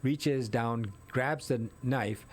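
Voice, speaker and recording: A man's voice: medium pitch, extremely slow. A man telling a case in step-by-step detail in a casual conversation, correcting himself as he goes. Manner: detailed step-by-step retelling, with self-corrections and fillers. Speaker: guest recounting a murder case. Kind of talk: conversational storytelling.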